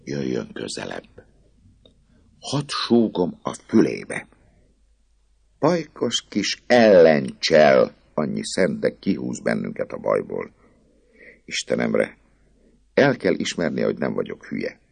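Brief: a boastful, jittery poet, a gravelly-voiced male reader putting him on, full of fussy patter and wide swoops. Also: rumbling low, sing-song, dry recording, exaggerated voice. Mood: fussing, muttering. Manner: rapid, fussy, self-pleased patter. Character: chatty scheming male poet, nervous and boastful.

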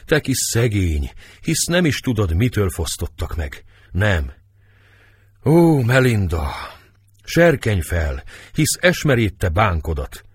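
A man's voice: on the low side, sing-song, breathy edge, no echo, studio quality. A man declaiming as Bánk, anguished nobleman. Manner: impassioned, declamatory, slow and heavy. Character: grief-stricken nobleman, middle-aged, passionate.

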